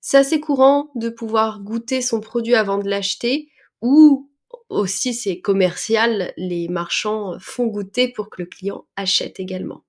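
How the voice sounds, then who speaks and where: A woman teaching a French lesson, patiently explaining words and expressions step by step, with small hesitations as she goes. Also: mid-range voice. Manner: patient, breaks words down slowly with fillers.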